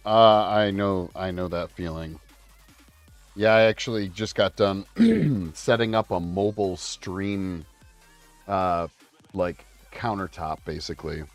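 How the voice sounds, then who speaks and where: A man chatting casually on a livestream call, talkative and quick to laugh, with plenty of ums and uhs. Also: sits low, no room sound. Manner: chatty, laughs often, many fillers. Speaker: streamer. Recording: faint music behind. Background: faint background music.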